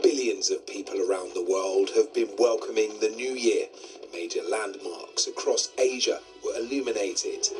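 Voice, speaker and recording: A man's voice: lowish voice, low-quality recording. Man narrating a news report over music. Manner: measured, even reporting.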